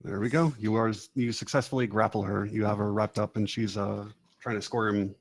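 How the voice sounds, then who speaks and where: A man running a tabletop game as game master, relaxed and joking as he makes rulings. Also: fairly low pitch, moderate pace, no echo.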